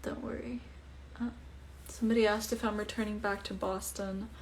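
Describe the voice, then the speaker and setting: At home in Iceland, a young singer chats into her phone on a livestream, reading viewers' comments aloud and replying loosely, full of um's and like's. Her pitch is mid-range for a woman, her delivery flat and at normal speed. The recording is rough, with a little hiss or hum.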